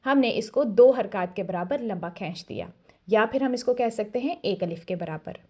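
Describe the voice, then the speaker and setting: A woman with an Urdu accent teaching a recitation lesson in a calm, measured way, sounding out syllables slowly and clearly. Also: mid-range voice. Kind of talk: scripted tajweed lesson.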